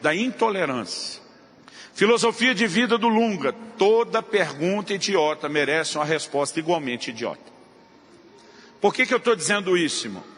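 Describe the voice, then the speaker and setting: A man preaching to a church congregation, telling a humorous family story in an animated way. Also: fairly high pitch. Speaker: pastor. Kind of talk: storytelling sermon. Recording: reverberant church hall, faint noise.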